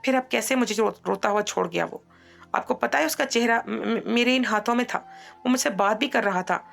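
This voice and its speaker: A woman's voice: lowish voice, fairly even intonation, quick pace, soft background music, lightly acted. A woman voicing a grief-stricken young woman who is crying and stammering through her tears. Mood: sobbing grief.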